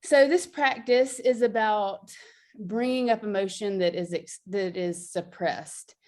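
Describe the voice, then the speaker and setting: A woman's voice: mid-range voice, unhurried, darkish tone. A woman explaining a movement practice in casual chat, talking loosely with frequent fillers and laughs. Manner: chatty, laughs often, many fillers. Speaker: guest teacher.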